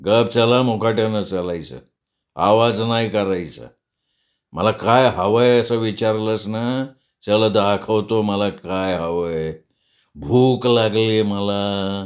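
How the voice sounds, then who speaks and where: A drunk, brutish grown man from a spoken storybook, leering and menacing, as a male narrator puts him on. His voice sinks low and heavy, and every word is dragged out in a slow, threatening drawl.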